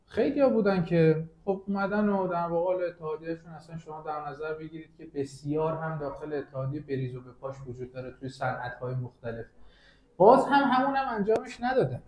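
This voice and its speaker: A man's voice: a little high, a little mellow, reverberant. A man, a podcast host, making a reasoned, persuasive case with rhetorical questions. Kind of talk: conversational argument.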